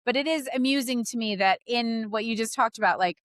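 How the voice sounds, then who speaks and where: A woman co-hosting a casual Bible discussion, animated and expressive, laughing easily. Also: fairly high pitch, a little fast, dry recording, studio quality.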